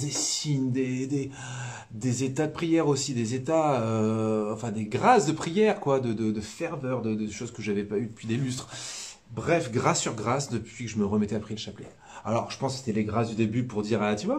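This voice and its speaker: A man's voice: lowish voice, a little mellow. Southern French man, rambling spiritual talk. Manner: rambling, hesitant, many fillers and repeated words. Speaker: religious brother giving a live talk.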